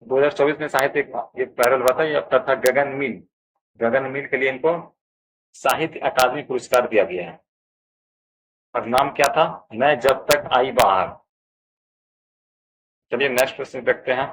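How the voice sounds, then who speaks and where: Speaking at normal speed with frequent pauses, a man with a mid-range voice and Bihari Hindi accent goes through an exam answer key. He calls viewers friends and explains each option steadily, though the audio is poor.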